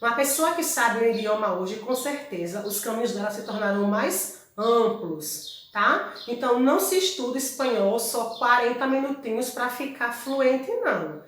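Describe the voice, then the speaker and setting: Woman, teacher explaining a lesson, fairly high voice, very echoey room. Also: normal speed, fairly bright tone. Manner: explanatory, checks in with tags like "ok?" and "tá?". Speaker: Spanish teacher. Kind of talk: online class lecture. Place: room at home.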